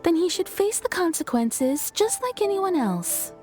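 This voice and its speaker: A woman's voice: extremely high pitch, very animated, measured pace, darkish tone, soft background music, exaggerated voice. A woman voicing a wry, level-headed townswoman in a video game, telling a story with dry amusement. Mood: amused.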